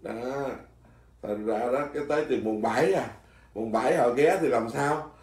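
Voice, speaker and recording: A man, a Buddhist monk telling stories from his life in easy conversation. He talks in an animated way, laughs often and trips over his restarts. The recording carries a clear echo, and he sits some way from the mic. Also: medium pitch, normal speed. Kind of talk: casual storytelling chat. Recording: echoey room, mic at a distance.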